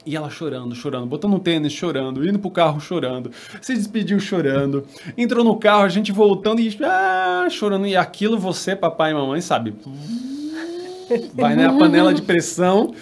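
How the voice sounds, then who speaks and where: Brazilian man host, slightly high voice. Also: lively intonation, fairly quick. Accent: Brazilian Portuguese. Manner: storytelling, thoughtful, many restarts. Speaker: podcast host. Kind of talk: casual chat.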